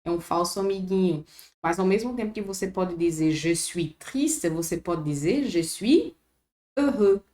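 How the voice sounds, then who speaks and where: A woman with a Brazilian Portuguese accent teaching a vocabulary lesson, slowly repeating each word for her students. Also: on the low side, animated, dark tone. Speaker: French teacher. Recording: echoey room.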